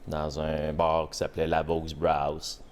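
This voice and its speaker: A Québécois man in his forties talks as a guest on a casual podcast. His voice sits very low, and he pauses often and searches for words. Faint noise runs underneath. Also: monotone. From Quebec. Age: 40s. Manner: hesitant, halting with frequent fillers. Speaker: podcast guest, host's father. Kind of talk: casual interview.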